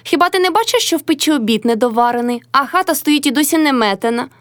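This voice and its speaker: A scolding older peasant mother-in-law who gives orders and nags without pause, as a woman reading the story puts her on. Her voice pitches high and shrill, recorded close and dry. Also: animated, fairly bright tone, no echo. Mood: bossy. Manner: nagging, commanding.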